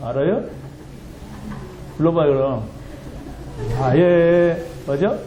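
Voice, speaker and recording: A man preaching a sermon as pastor, telling a story with animated, laughing delivery. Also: fairly high pitch, normal speed, roomy sound, lo-fi sound. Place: church sanctuary.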